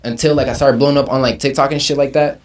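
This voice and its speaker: A man's voice: medium pitch, quick pace. A young man in his twenties from Uganda, a rapper chatting casually as an interview guest, full of slang and "you feel me.". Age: 20s. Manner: slangy, relaxed, says "you feel me" often.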